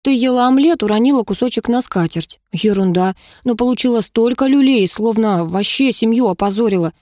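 Woman doing a shy gentle teenage girl, hesitant, soft, higher voice, dry sound. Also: fairly quick, no room sound, close to an everyday voice. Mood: timid.

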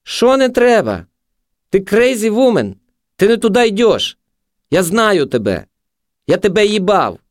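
A man voicing a jeering, unhinged young male street junkie who yells taunts. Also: sits high, wildly swooping pitch, measured pace, long pauses, no echo, studio quality, voice pushed up, exaggerated voice. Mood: taunting.

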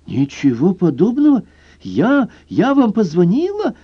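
A man's voice: sits high, animated, moderate pace, no room sound, voice pushed up. A man voicing a drunk, sulky young woman who sounds confused and hurt, in a dull lo-fi recording. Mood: offended.

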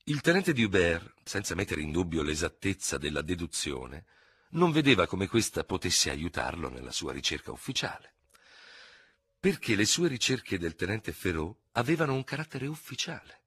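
A man narrating a classic novel as an audiobook, in an expressive, theatrical reading style on a close studio mic. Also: deep voice, moderate pace, husky, dry recording. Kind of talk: scripted literary narration.

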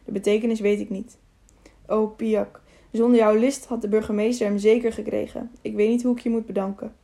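A woman's voice: mid-range voice, flat delivery, fairly quick, vocal fry, warm tone, natural voice. A woman reading the part of an earnest young male squire who speaks with urgency.

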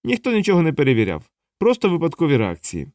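A sly, scruffy little watchman shrugs things off in a higher, nasal-sounding voice, as a male audiobook reader plays him. The recording is dry and close. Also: huge pitch swings, quick pace, a little mellow, no room sound. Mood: dismissive.

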